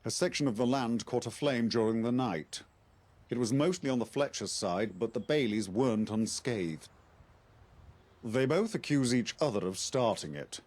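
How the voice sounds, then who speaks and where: A man voices a composed Arthurian officer handing out a quest in a video game. His mid-pitched delivery is formal, articulate and deliberate, with quiet authority. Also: lively intonation, close to an everyday voice. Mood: grave, measured. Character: measured Arthurian knight-officer recruiting an outsider to investigate. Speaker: quest-giving game character. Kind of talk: scripted game dialogue.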